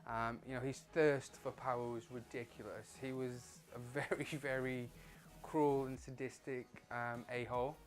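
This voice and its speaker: Guy doing his vlog, chatty and offhand, swears a bit, lots of ums, middle-pitched voice. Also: flat delivery, moderate pace, hardly any pauses, soft background music. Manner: loose, chatty, with frequent fillers and offhand swearing. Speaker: vlog host. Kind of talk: casual rambling commentary.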